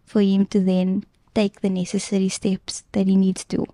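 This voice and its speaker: A woman's voice: mid-range voice, completely flat delivery, normal speed, warm tone, no echo, studio quality. A young woman guest earnestly retelling a personal story in casual chat, with plenty of filler ums. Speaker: podcast guest.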